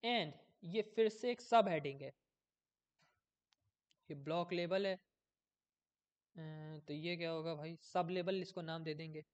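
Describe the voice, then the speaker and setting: A man's voice: a little high, slow, long pauses, clear, resonant tone. A man giving a casual coding tutorial, thinking aloud as he works, often losing his place and checking in with viewers.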